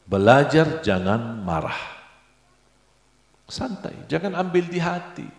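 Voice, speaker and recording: A middle-aged man preaching a sermon with storytelling, animated and acting out the dialogue in his stories. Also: on the high side, slow pace. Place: large hall at an Islamic boarding school. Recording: echoey hall with long reverb.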